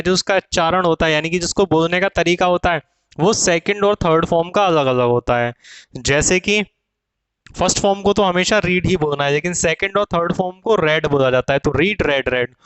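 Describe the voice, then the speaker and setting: A man's voice: sits high, fairly bright tone, smooth, no room sound, rough recording. A man teaching grammar to students, asking questions and answering them himself.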